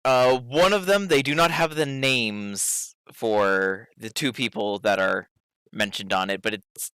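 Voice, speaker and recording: Clear, bright-voiced man running a tabletop game. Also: medium pitch, unhurried, dry recording. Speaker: game master. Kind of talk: casual improvised tabletop game narration.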